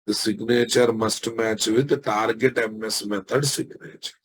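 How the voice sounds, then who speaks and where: A man with a Telugu Indian accent giving an informal technical lecture as a software instructor, repeating phrases and often checking with tag questions that listeners follow. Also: lowish voice, steady tone, normal speed, breathy edge.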